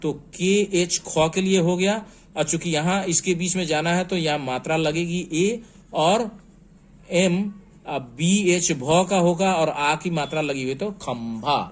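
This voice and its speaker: A man teaching a spelling lesson, slow and patient, spelling words out letter by letter. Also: fairly high pitch. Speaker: English teacher.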